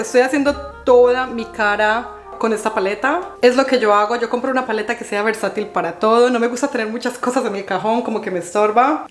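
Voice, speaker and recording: A woman's voice: a little high, reverberant. A woman in her thirties talking casually to camera as a vlogger, earnest and encouraging toward the viewer. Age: 30s. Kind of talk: casual vlog talk to camera.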